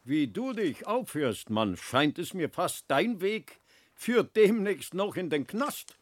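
A man's voice: high voice, sing-song, slow, no room sound, exaggerated voice. An actor playing a stern, dismissive local man in a radio drama. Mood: reproving.

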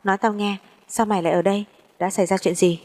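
A woman's voice: mid-range voice, fairly even intonation, quick pace, darkish tone, lightly acted. A woman voicing a blunt, impatient, foul-mouthed young woman who scolds her friend like an older sister in a story reading. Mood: scolding.

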